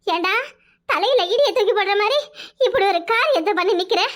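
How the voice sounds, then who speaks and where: A put-upon, sharp-tongued village daughter-in-law, as a woman voices her in a cartoon. Her voice is very high, bright and tense, and her talk runs fast in a Kanyakumari Tamil accent. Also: lively intonation. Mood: wailing. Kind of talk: cartoon voice acting.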